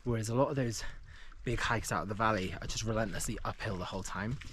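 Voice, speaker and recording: A man's voice: lowish voice, fast talker, fairly bright tone, a little hiss or hum. A man filming himself as he hikes a mountain trail, chatting casually with plenty of fillers, out of breath on the climbs. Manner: chatty, loose with fillers, talks while walking. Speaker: hiking vlogger. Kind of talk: casual chat while hiking.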